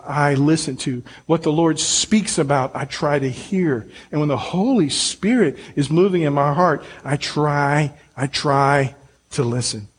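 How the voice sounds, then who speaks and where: A man's voice: fairly high pitch, slight background noise. An older man, a pastor, giving a sermon in an earnest, conversational way and speaking straight to his listeners. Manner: earnest, conversational preaching, addressing the congregation directly.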